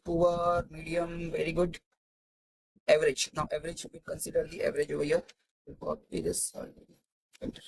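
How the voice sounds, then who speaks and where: A man's voice: on the high side, slight background noise, rough recording. A man teaching a spreadsheet tutorial, thinking aloud with many fillers and restarts. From India. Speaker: Excel tutor. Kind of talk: screen-recorded spreadsheet tutorial.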